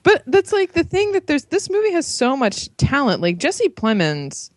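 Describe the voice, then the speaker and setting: A woman casually discussing a film on a podcast, animated and full of "like". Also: high voice, moderate pace, no echo, studio quality. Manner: animated, uses "like" a lot. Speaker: podcast co-host.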